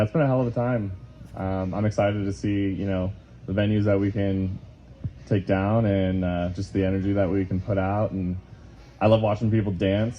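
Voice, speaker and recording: Low, flat-voiced man, mellow and muffled. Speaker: bass guitarist in a band. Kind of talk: casual interview chat.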